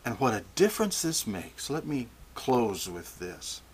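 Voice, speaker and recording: An older man preaching a sermon, slow and deliberate, often restarting his phrases. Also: medium pitch, sing-song, slightly rough.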